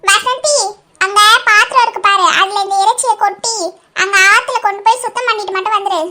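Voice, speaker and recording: Woman doing shrill scolding women. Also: fairly even intonation, brisk, pushed and bright. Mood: bossy. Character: bickering Tamil village women, high and shrill. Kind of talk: cartoon voice acting.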